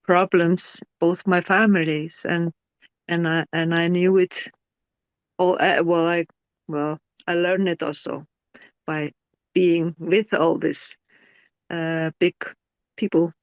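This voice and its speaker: A middle-aged woman tells her personal story, speaking very slowly and searching for words with fillers and restarts. The recording sounds dull and lo-fi but very dry, with no room around her. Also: fairly low pitch, steady tone, no echo. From Iceland. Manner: halting, with many fillers and restarts; non-native English grammar. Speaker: interview guest. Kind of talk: personal testimony.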